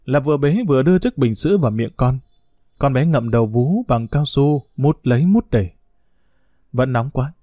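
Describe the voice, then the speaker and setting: Male audiobook narrator, steady storytelling, mid-pitched, dry studio sound. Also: fairly quick, dry recording.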